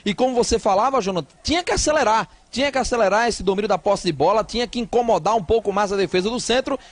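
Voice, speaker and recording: A man's voice: high voice, quick pace, no room sound. A man giving live football analysis, emphatic and repeating his phrases.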